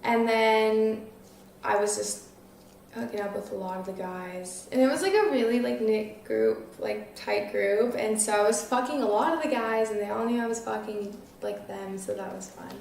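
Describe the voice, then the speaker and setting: A woman's voice: a little high, normal speed, creaky, darkish tone, distant mic, a little hiss or hum. A nineteen-year-old woman answering interview questions casually, giggling and using lots of "like" fillers. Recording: very echoey room, voice off-mic.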